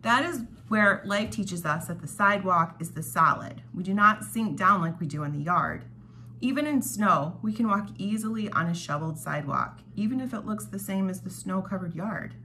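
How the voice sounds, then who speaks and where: Recorded at home in a dining room, this devotional read-along features a woman reading prepared reflections aloud and adding casual asides. Her medium-pitched voice is animated and sharp, at a moderate pace. Noise is clearly present behind her.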